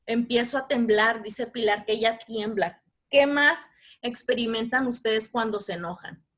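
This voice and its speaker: A woman's voice: a little high, a little slow, fairly bright tone. A woman with a Mexican Spanish accent leading a live online workshop over a video call, talking patiently and putting questions to her audience. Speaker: workshop facilitator.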